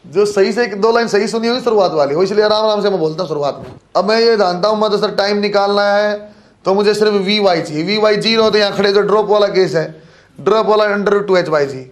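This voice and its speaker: His voice sits high and he speaks fast. In this physics lecture for exam-takers, he addresses the students as "beta" and "bachhon," asking his own questions and supplying the answers.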